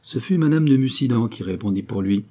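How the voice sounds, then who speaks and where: A man giving steady, expressive scripted narration of a classic novel. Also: medium pitch, fairly quick, breathy edge. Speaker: audiobook reader.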